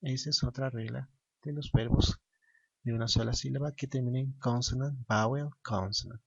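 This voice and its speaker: A man's voice: medium pitch, fairly even intonation, normal speed, creaky, husky, no room sound. A man teaching an English grammar lesson, explaining each rule step by step, asking questions and answering them himself. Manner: repeats and stresses each rule. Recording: dull lo-fi dry recording.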